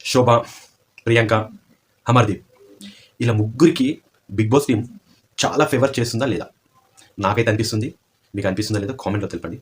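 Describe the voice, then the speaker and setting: A man's voice: lowish voice, fast talker, long pauses. A man giving opinionated commentary, asking pointed rhetorical questions.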